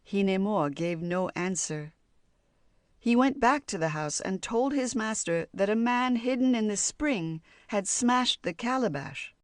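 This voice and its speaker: A woman narrating a children's fairy tale audiobook in a calm, measured storybook voice. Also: medium pitch, dry recording, studio quality.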